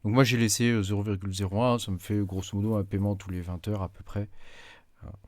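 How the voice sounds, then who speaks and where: A man's voice: on the low side, little pitch movement, fast, a little mellow, dry recording, studio quality. A man giving a casual screen-recorded tutorial, hesitant with many fillers as he clicks through menus at his desk mic. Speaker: tech YouTuber.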